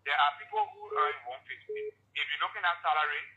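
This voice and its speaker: A man's voice: high voice, huge pitch swings, fast. A man, calling a radio show by phone while he drives. He argues earnestly and stumbles into repeated restarts. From Liberia. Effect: calling in by phone while driving a car. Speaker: radio call-in caller. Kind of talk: call-in commentary. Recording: muffled phone line from a car.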